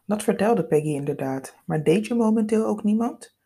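A woman reading the lines of a flirtatious, attentive man who asks soft, probing questions. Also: mid-range voice, expressive, normal speed, gravelly, breathy edge, pitched above the performer's own voice. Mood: flirting.

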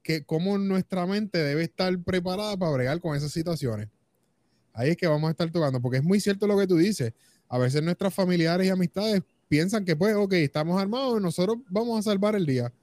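A man's voice: high voice, lively intonation, a little fast, darkish tone, no echo. A man hosting a podcast, explaining plans in a conversational way. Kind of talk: casual podcast chat.

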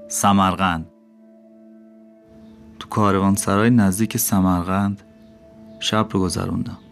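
A man narrating a novel as an audiobook, in a calm, measured delivery. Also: fairly low pitch. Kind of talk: novel read aloud. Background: soft music.

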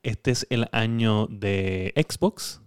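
A man's voice: fairly low pitch, drawn-out words, clean tone, no echo, studio quality. A man hosting a casual gaming podcast, rambling and teasing, full of filler words. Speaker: podcast host.

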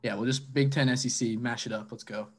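A man's voice: medium pitch, fairly even intonation, fairly quick. A young adult man, a podcast guest in casual sports chat, joking and hyped.

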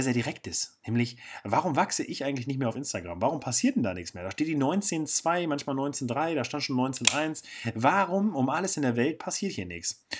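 A young man talks alone on his podcast in a loose, slangy, blunt way, often catching and correcting himself mid-sentence. His voice is slightly husky, at an ordinary pitch for a man. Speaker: podcast host. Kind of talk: casual solo podcast monologue.

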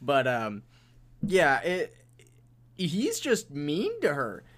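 A man's voice: on the high side, huge pitch swings, drawn-out words. A young man co-hosting a casual podcast, rambling and hedging as he restarts his thoughts while discussing an episode. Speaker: podcast co-host. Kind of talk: casual chat reviewing an audio drama episode.

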